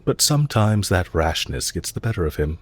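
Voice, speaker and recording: Softly and politely, a man playing a suave, calculating villain leader speaks to the listener in an intimate audio roleplay, his courtesy measured and lightly teasing. His husky voice sits low with a sing-song lilt and is heavily acted, in a composed, courteous mood.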